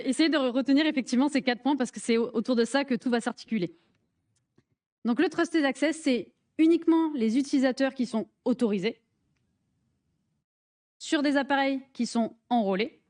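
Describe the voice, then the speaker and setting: A woman with a French accent leads a live workshop in a conference room, her voice sitting a little high. She talks in a friendly, joking way, full of fillers and restarts. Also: darkish tone. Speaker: presenter leading a hands-on workshop.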